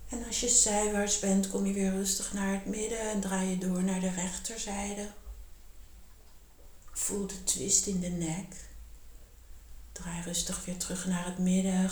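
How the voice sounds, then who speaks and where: A woman guiding a meditation and yoga lesson in a slow, calm, soothing voice, often half-whispering. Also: mid-range voice. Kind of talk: guided meditation and yoga instruction. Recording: echoey room.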